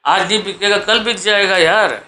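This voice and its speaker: A man's voice: high-pitched, normal speed, sharp tone, slight background noise. A man vlogging at home in a preachy monologue, repeating himself and firing off rhetorical questions. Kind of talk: exhortative monologue. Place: sitting on a sofa at home.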